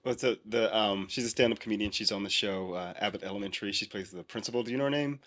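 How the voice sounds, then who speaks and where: A man's voice: on the low side, quick pace, fairly bright tone. A man co-hosting a casual podcast chat in an easygoing way, laughing through his points. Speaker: podcast co-host.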